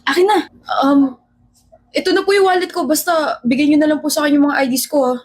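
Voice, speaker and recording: A woman acting in a comedy skit, talking in a lively, excitable way. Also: high voice, fast talker.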